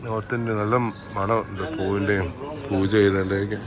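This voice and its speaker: A man in his thirties with a Malayali accent chats casually for a travel vlog while walking a busy city street, thinking aloud as he goes. His lowish voice is flat and a little fast, surrounded by noisy street ambience.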